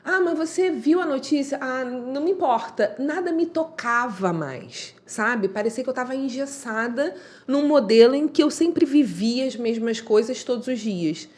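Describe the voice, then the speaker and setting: A woman's voice: high voice, animated, normal speed, darkish tone. A woman guest telling her story in a heartfelt, reflective way, often acting out remembered lines of dialogue. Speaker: podcast guest.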